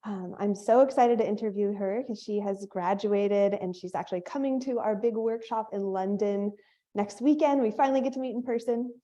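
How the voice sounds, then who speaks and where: Upbeat woman host with mellow muffled sound. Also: medium pitch, moderate pace. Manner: upbeat, enthusiastic. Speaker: host, training instructor. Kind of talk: casual interview hosting. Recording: dull lo-fi sound.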